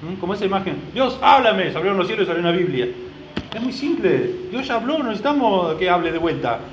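A man preaches in a fairly high voice. His style is chatty, and he keeps checking in with the congregation and cracking small jokes. The recording is roomy and a little dull. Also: sing-song, fast, a little hiss or hum. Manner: conversational preaching with frequent questions to the congregation and joking asides. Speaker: pastor. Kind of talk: sermon.

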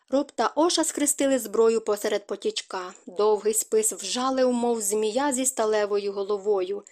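A woman narrating a fantasy novel as an audiobook in a steady, expressive reading. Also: a little high. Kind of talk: scripted narration.

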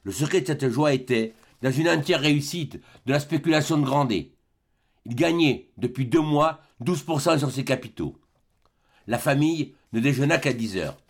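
A man narrating a classic novel as an audiobook in a measured, expressive way. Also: mid-range voice, breathy edge.

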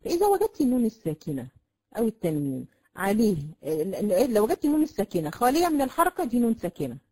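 Fast-talking Egyptian woman teaching. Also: on the high side, very animated, mellow, low-quality recording. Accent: Egyptian Arabic. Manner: explains patiently, repeats sounds to demonstrate, many drawn-out fillers. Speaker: Quran recitation teacher. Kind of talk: classroom lesson.

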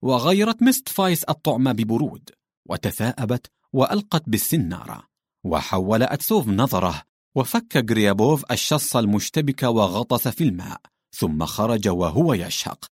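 A man narrating a literary story in a measured audiobook reading. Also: mid-range voice, sing-song, darkish tone, husky, no room sound, clean studio sound.

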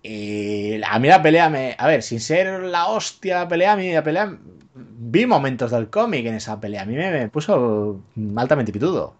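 A man co-hosting a podcast chats casually about films in an animated, mid-range voice at a normal speed. He rambles, swears freely, and scatters fillers and tag questions throughout.

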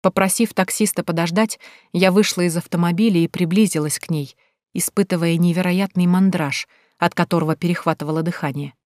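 Lower-voiced woman reading a story. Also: steady tone, brisk, darkish tone, no echo, clean studio sound. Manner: emotional, pleading in dialogue. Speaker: audiobook narrator. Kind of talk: first-person audiobook narration.

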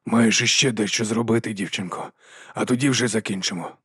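A man reading an audiobook voices a steady stable master who talks softly and soothingly. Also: fairly quick, slightly rough, dry recording, studio quality. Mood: gentle. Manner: soft, soothing, low murmur.

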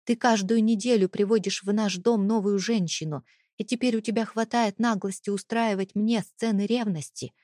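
A woman voicing a trapped young wife who fights back with raised, shouting accusations. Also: on the high side, animated, unhurried, breathy edge, no echo, studio quality, pitched above the performer's own voice. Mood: defiant.

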